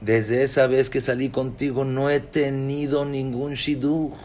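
A man's voice: fairly low pitch, little pitch movement, drawn-out words, creaky, dark tone, a little hiss or hum, exaggerated voice. A man voicing a desperate young man who begs for forgiveness in a tearful, pleading way. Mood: begging.

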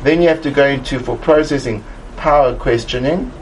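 A man teaching a Talmud study class, emphatic and animated, acting out little voices to make his points. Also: mid-range voice, a little fast, noisy background. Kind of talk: classroom lecture.

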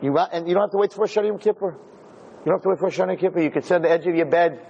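Before a roomful of people, a rabbi delivers an emphatic, informal Torah lecture packed with rhetorical questions for his audience. He talks very fast in a high-pitched, creaky, husky, slightly mellow voice, and the highs are cut off.

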